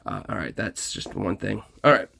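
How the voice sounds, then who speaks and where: A man's voice: fairly low pitch, moderate pace, gravelly, sharp tone, slight background noise. A man casually talking through a mobile game session, slightly out of breath and full of ums and uhs. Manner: rambling with many ums and uhs. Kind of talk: casual gameplay commentary.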